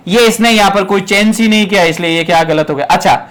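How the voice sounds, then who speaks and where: A man's voice: high-pitched, normal speed, a bit bright. A man from Rajasthan teaching an exam prep lesson, repeating rules emphatically and speaking straight to his students. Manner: emphatic, repetitive drilling of rules; addresses students directly, explains step by step.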